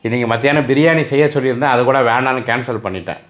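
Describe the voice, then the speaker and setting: A man's voice: mid-range voice, racing, lo-fi sound. A man hosting a casual family vlog, talking glumly straight to his viewers. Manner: glum, talks straight to viewers, sings a sad song a few times. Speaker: family vlogger.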